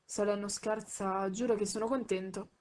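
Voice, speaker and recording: Una donna che legge le battute di un medico militare calmo e gentile, che fa domande pacate, in un audiolibro. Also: female voice, medium pitch, moderate pace, lightly acted. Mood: calm. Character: male military doctor, calm and kindly.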